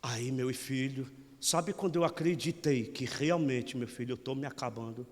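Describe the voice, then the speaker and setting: A man's voice: medium pitch, normal speed, long reverb tail. A man in his forties with a Brazilian Portuguese accent, a parish priest giving a folksy, teasing homily. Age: 40s. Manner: folksy, teasing, keeps saying "meu irmão". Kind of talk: lively humorous homily.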